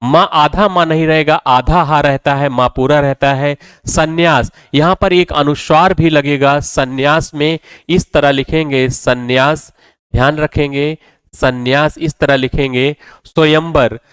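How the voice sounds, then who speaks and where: A man's voice: a little high, a bit bright, smooth, dry recording. A man teaching a spelling lesson, repeating each word and asking rhetorical questions before giving the answer. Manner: repetitive, drills words and asks rhetorical questions. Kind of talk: classroom lecture.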